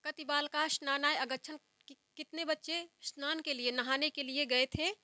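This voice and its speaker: A young woman teaching a grammar lesson for exam preparation, reciting word forms slowly and repeating them as she explains step by step. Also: sits high, steady tone, pushed and bright, no room sound. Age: young adult. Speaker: Sanskrit teacher. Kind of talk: exam-prep lecture.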